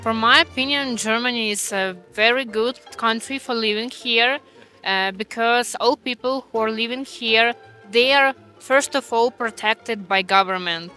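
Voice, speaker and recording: A woman's voice: a little high, a little slow, bright, forceful tone, soft background music. A woman answering a street interview, hedging her opinion with careful phrasing.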